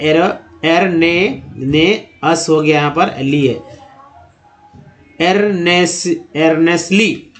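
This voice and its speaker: A young man teaching English pronunciation in Hindi, breaking each word into syllables and repeating it slowly. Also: on the high side. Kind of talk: slow word-by-word pronunciation lesson.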